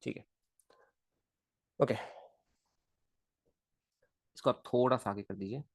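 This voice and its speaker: A man's voice: mid-range voice, takes it slowly, no echo, studio quality. A man teaching a live online physics class, chatting to his students and muttering to himself while he draws.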